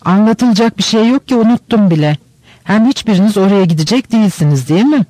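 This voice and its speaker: A man reading the part of a kindly older lady, a mother and hostess, in a gentle, indulgent way. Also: sits high, lively intonation, quick pace, no room sound, low-quality recording. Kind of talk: audiobook reading.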